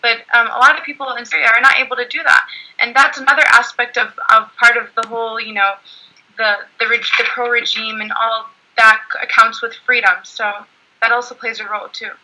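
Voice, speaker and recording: A woman with a somewhat high, very bright and tense voice speaks earnestly in a panel discussion. She talks with many "you know" fillers and restarts her sentences. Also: steady tone, fairly quick, poor audio.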